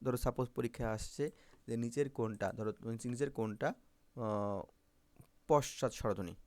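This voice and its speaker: A man's voice: mid-range voice, moderate pace, darkish tone, dry recording. A man teaching Bangla phonetics for exam prep, repeating vowel sounds and often checking if students follow.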